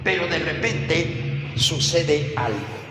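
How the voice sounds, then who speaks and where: Slow, lively-voiced pastor in an echoey hall. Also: male voice, a little high, soft background music. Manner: retells scripture with acted quotes, asks the congregation "¿sí?" and "¿verdad?". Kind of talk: sermon. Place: church hall. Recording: echoey hall with faint ambience.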